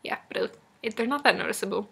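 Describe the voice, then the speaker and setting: A young woman from Maine chats to a friend through her webcam at home, rambling and laughing at herself. Her voice is bright and crisp on top with a gravelly fry underneath. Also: medium pitch, expressive, fast. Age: young adult. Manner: rambling, giggly, self-deprecating. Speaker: vlogger. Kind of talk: casual chat to a friend.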